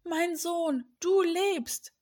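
A woman voicing an old father in a children's story, exclaiming with a voice pitched up in excitement. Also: slow. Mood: moved. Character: old father, shocked then overjoyed.

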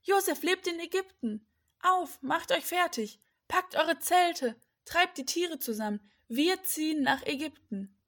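A woman voicing an old father in a children's story, exclaiming with a voice pitched up in excitement. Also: takes it slowly. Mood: commanding. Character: old father, shocked then overjoyed.

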